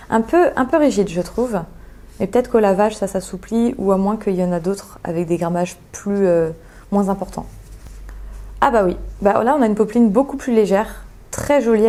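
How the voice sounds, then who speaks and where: Young woman rambling about sewing stuff, lots of ums, soft mellow tone. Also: mid-range voice. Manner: chatty, hesitant, thinking aloud while touching fabrics. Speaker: sewing vlogger. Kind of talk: casual chat.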